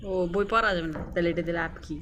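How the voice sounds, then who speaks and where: Racing along in a fairly low voice, a Bangladeshi-accented woman hosts a gaming video, chatting informally as she plays a horror game for her audience. Eerie horror music from the game runs under her voice.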